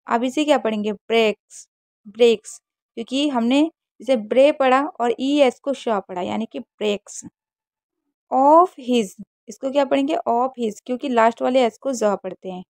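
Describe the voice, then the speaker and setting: A woman's voice: fairly high pitch, darkish tone, dry recording, studio quality. A woman teaching English reading, explaining how each word is spelled and sounded out and asking questions she then answers. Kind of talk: phonics reading lesson.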